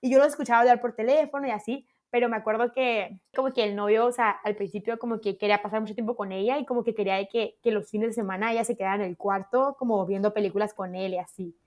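A young woman co-hosting a podcast, telling a roommate story in a casual, animated way and acting out her own quotes. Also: a little high, fast, few pauses. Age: young adult. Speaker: podcast co-host.

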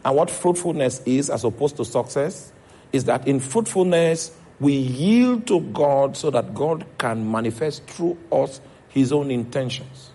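A man's voice: medium pitch, a little slow, warm tone. A man with a Nigerian accent preaching a sermon as pastor, checking in with his congregation as he goes.

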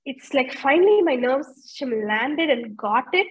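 A woman, hosting a podcast and telling her own story in an earnest, reflective way with frequent filler pauses. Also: high voice, expressive, husky, low-quality recording. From India. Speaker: podcast host and somatic practitioner.

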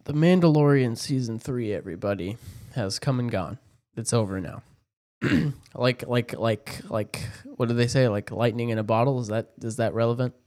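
A man co-hosting a podcast in casual chat, laid-back and quick to laugh. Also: medium pitch, a little mellow. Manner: laid-back, laughs easily, short replies. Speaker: podcast co-host.

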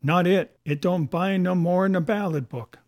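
A man voicing a domineering, crafty pirate sea cook who taunts and commands in rough sailor dialect, in a storybook reading. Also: on the high side, a little slow, darkish tone. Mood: derisive.

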